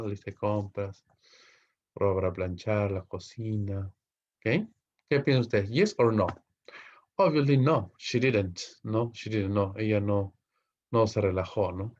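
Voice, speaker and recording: A man from Peru teaching an English lesson in Spanish. He explains step by step, keeps asking his students "ok?" and reads the English example sentences slowly and clearly. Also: lowish voice, steady tone, a little mellow, dull audio. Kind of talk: recorded classroom lesson.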